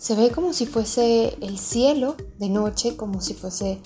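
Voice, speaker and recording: A woman's voice: on the high side, takes it slowly, dark tone. A woman hosting a children's channel, narrating a craft tutorial in a friendly way, speaking straight to young viewers. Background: music behind the voice.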